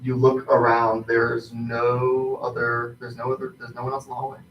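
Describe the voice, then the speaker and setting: A man improvising tabletop game narration as game master, haltingly, searching for his words. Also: mid-range voice, completely flat delivery, lo-fi sound. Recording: distant mic, roomy echo, faint noise.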